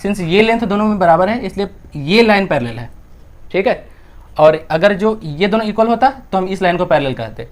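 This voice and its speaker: A man's voice: high-pitched, lively intonation, moderate pace. Indian man teaching maths in Hinglish. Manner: mixes Hindi with English, asks and answers his own questions. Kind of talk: explaining textbook exercises step by step.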